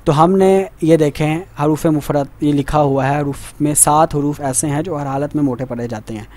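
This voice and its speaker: A man teaching a Quran reading lesson, patient, repeating points and asking checking questions, saying Arabic letters slowly and carefully. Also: a little high, darkish tone.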